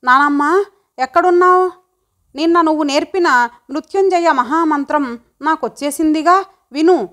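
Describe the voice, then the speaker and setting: A woman's voice: high-pitched, normal speed, pauses often, a bit bright. A woman voicing a young boy who is upset and sobbing to his grandmother in an audiobook. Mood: eager. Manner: sobbing, pleading.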